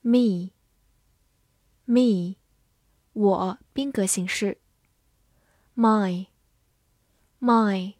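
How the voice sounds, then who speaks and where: A woman teaching English vocabulary in a scripted lesson, spelling words letter by letter and reading example sentences slowly. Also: mid-range voice, darkish tone, no room sound, clean studio sound.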